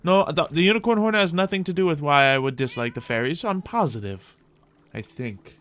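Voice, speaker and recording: Fairly high-pitched, animated and fairly quick, this man's bright voice drives a livestreamed game roleplay. His commentary is whimsical, rambling and in character, and he talks to his viewers theatrically.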